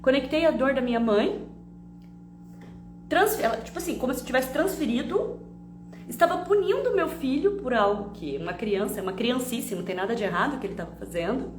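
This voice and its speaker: Brazilian woman, expressive, higher voice. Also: fairly quick. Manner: expressive, animated storytelling with frequent tag questions. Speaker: emotional education teacher. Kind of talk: explanatory talk with personal story. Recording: roomy with faint hum.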